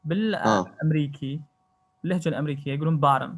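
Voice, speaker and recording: A man with an Iraqi Arabic accent gives an online English lecture, moving between Arabic and English. His voice sits a little high, and he spells out the English phrases slowly and carefully. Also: lively intonation. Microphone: video call.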